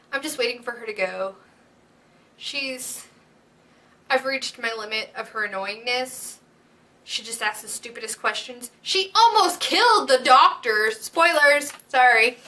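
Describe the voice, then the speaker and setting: A woman hosting a vlog, chatting casually and excitedly, with frequent giggles and gushing asides. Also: a little high, slight background noise. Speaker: vlog host. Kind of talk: casual fan chat.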